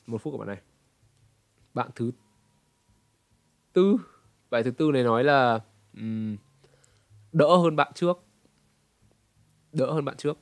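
A man in his twenties from Vietnam, correcting pronunciation and repeating words slowly to demonstrate. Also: medium pitch, creaky, no room sound. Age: 20s. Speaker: pronunciation coach. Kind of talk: reaction commentary correcting pronunciation.

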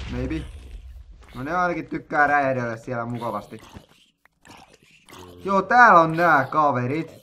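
A young man commentates a game as host. His slightly high voice is bright and forceful. He talks in an excitable, joking way and breaks into sudden loud outbursts. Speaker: gaming video host. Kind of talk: let's play commentary.

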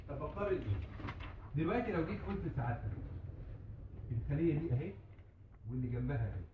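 Egyptian guy teaching a class, higher voice, asks and answers himself, distant noisy recording. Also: reverberant. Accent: Egyptian Arabic. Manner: repeats key terms slowly for emphasis. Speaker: medical lecturer. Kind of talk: classroom lecture.

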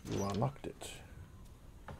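A man's voice: a little slow, darkish tone, slight background noise. A man in his thirties, casually chatting and joking as he plays a game on a live stream, swearing freely. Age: 30s. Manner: laid-back, swears a lot, joking.

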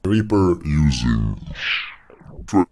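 A man's test phrase played through a tape-stop effect, so his voice slows and drops in pitch as playback winds down. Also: big pitch swings, warm tone. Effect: tape-stop slowdown, pitch sagging as playback grinds to a halt. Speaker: audio software tutorial maker. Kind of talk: screen-recorded tutorial test phrase.

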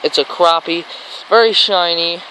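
Here a fishing vlogger, an American man, chats enthusiastically and wanders off topic while standing on a grassy riverbank outdoors. He speaks unhurriedly in a sharp, somewhat high voice. The handheld camera mic gives a low-quality recording full of stream and traffic sounds.

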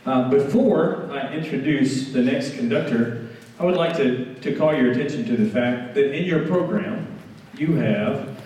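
A man's voice: medium pitch, unhurried, darkish tone. A man from Alabama, a band director giving a rambling stage announcement full of fillers and restarts. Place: school auditorium. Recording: echoey hall from far off.

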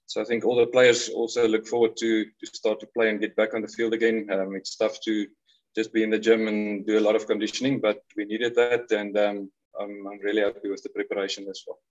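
A middle-aged rugby coach, a man with a South African Afrikaans accent, giving measured, matter-of-fact answers at a press conference. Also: lowish voice, level tone. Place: indoor press room, heard over video call. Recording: dull video-call audio.

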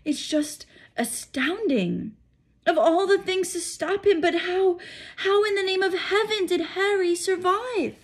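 A woman playing shrill, agitated Professor McGonagall. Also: measured pace. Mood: distressed disbelief. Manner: incredulous, emphatic, high-strung. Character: stern, shrill, agitated older witch professor, female. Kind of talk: storybook read-aloud.

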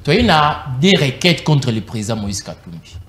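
Animated man arguing politics. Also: medium pitch, normal speed, echoey room. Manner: emphatic, gesturing with a handheld mic. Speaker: political guest. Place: TV studio. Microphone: handheld.

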